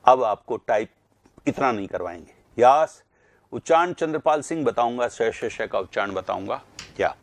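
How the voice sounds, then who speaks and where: Guy running an online class, mid-pitched voice, calls out names, drills pronunciation, dry close sound. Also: expressive, normal speed, no echo. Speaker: online Hindi exam teacher.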